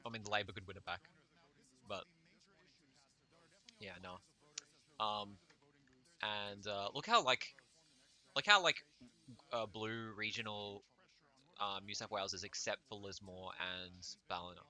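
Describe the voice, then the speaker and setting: A man hosting a casual livestream chat, thinking aloud with lots of fillers and pauses. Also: lowish voice, bright, forceful tone. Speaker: host.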